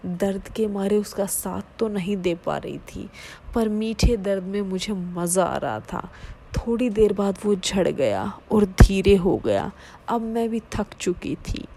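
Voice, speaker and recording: A woman reading a first-person story aloud in a steady, low-key way. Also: slow pace, slight background noise. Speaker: narrator.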